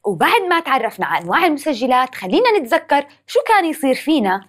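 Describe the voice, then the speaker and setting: A woman's voice: sits high, very animated, very fast, a bit bright. A woman with a Levantine Arabic accent narrating a scripted podcast in a playful folk-tale storytelling manner, with rhyming phrases. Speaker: podcast host. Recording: music playing behind the voice. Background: music.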